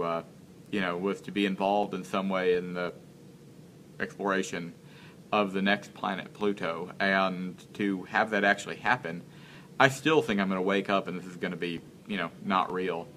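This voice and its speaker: Earnest, halting man in his thirties. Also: low-pitched, fairly bright tone, slight background noise. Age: 30s. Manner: earnest, halting, searches for words. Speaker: interview guest. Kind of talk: casual live-stream interview.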